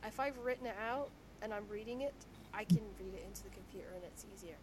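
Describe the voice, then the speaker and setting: A woman with a Shetland accent chats in a casual interview, candid and full of anecdote. Her voice sits at a medium pitch. There is some background noise with a low rumble on the recording. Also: quick pace, darkish tone. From Shetland, Scotland.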